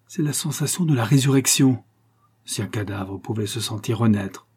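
A man's voice: medium pitch, normal speed, darkish tone, slightly rough. A man reading as an ancient rapturous mesmerist. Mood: rapturous confession. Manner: feverish, rapturous confession. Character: ancient male mesmerist confessing his crimes.

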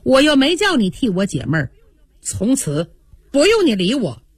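A woman doing a sulky, sharp-tongued young noblewoman. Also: fairly high pitch, huge pitch swings, moderate pace, husky, no echo, clean studio sound, heavily acted. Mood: angry. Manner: petulant, cutting.

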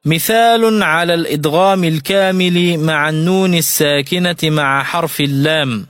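A man teaching Quran recitation rules in a radio lesson, explaining each rule clearly and reciting examples slowly and melodically. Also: fairly high pitch, a bit bright, dry recording, studio quality, long reverb tail.

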